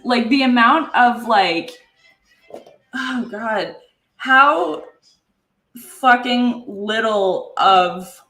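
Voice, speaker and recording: Canadian girl cooking and rambling, swears a lot, slow talker, kinda echoey room. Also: on the high side, a bit bright, soft background music. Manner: rambling, filler-heavy, swears casually. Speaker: cooking vlogger. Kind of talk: casual chat while cooking. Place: home kitchen.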